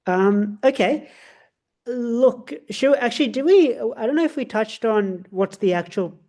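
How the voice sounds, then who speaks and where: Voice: medium pitch, lively intonation, unhurried, darkish tone. A podcast co-host chatting casually about cars, rambling with many fillers and restarts.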